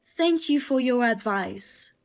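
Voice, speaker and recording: A woman telling a drama as the narrator and wife, in a calm, measured and firm way. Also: fairly high pitch, creaky.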